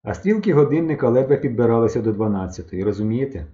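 A man narrating an audiobook in an even storytelling manner. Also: mid-range voice, quick pace, highs cut off.

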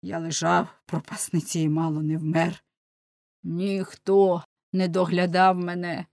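A woman reading an audiobook voices a spiteful old male fishmonger with shrill, vindictive cries. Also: little pitch movement, measured pace, gravelly, a little mellow, no echo. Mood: self-pitying.

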